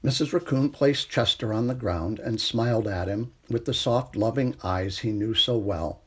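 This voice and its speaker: A man's voice: on the low side, moderate pace, fairly bright tone, slightly rough. A man narrating a children's storybook expressively as a storytime reader.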